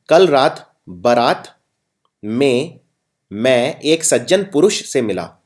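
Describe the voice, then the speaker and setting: Male teacher, mid pitch, patient classroom explainer. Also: a little mellow. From northwest India. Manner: explains patiently, reads example sentences slowly. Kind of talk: grammar lesson.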